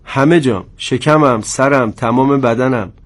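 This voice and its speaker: A man's voice: mid-range voice, close to an everyday voice. A man voicing a wounded sergeant who moans and begs for help. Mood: pleading. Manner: moaning, pleading. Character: wounded male sergeant, whining and pleading.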